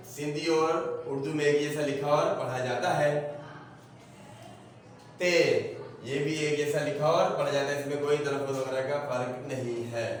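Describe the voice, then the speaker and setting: A male teacher giving a slow, explanatory alphabet lecture, repeating each point patiently. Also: a little high. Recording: very echoey, voice from a distance with faint room noise.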